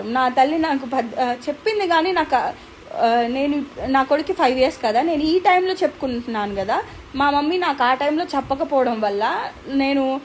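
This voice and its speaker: Earnest young Telugu woman, high voice. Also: a little hiss or hum, low-quality recording. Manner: earnest, conversational, with code-switching to English. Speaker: host reading viewer comments. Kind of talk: casual live chat.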